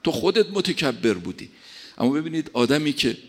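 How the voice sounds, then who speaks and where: A man preaching a sermon, animated, swinging between loud emphatic lines and soft quiet asides. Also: fairly high pitch.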